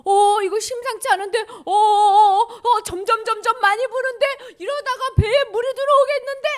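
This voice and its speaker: A woman voicing frightened male disciples caught in a storm, shrill and frantic. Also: big pitch swings, fast talker, breathy edge, heavily acted. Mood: alarmed.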